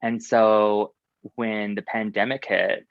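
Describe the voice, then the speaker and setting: Slow-talking man on dull, dry audio. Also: on the low side, flat delivery, smooth, dry recording. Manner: unhurried, upbeat, laughing often. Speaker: guest, drag performer. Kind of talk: casual interview chat.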